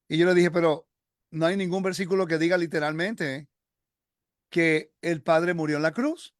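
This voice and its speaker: Guy chatting about bible hebrew, kinda high voice, dry sound, keeps restarting. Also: no echo. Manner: earnest, emphatic, many fillers and restarts. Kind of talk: casual religious discussion.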